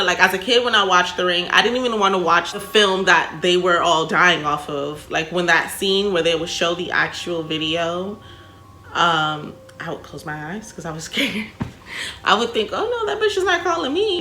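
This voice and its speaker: An American woman giving casual reaction commentary in an animated, emphatic way with plenty of swearing and slang. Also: fairly low pitch, a little hiss or hum. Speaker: reaction video host. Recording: roomy echo, music behind.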